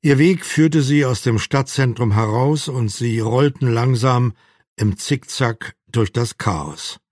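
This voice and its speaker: Slow, measured male audiobook narrator. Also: mid-range voice, darkish tone, dry recording, clean studio sound. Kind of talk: scripted narration.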